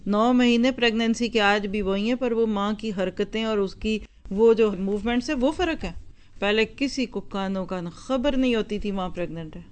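A woman's voice: medium pitch, smooth. A woman giving an earnest religious lecture on parenting, full of rhetorical questions and repeated parallel phrases. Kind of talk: Islamic lecture to an audience.

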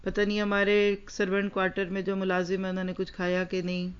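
A woman's voice: mid-range voice, monotone, clear, resonant tone. A woman giving an Islamic lecture, telling a story and asking her listeners rhetorical questions, with English words mixed in. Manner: mixes English words into Urdu. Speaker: religious teacher. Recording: dull lo-fi recording.

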